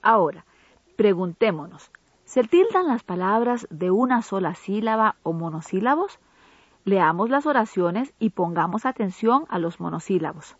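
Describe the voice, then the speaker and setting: Husky woman reading a grammar lesson. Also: medium pitch, lively intonation, no room sound. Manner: measured, didactic reading of examples. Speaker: co-host of a language program. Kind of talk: scripted educational radio narration. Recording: dull lo-fi broadcast audio.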